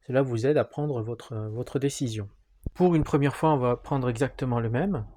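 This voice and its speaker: A man's voice: mid-range voice, moderate pace, mellow, slight background noise. A man walking through the rules of a wargame, talking hesitantly with frequent fillers as he handles the pieces. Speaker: board game presenter.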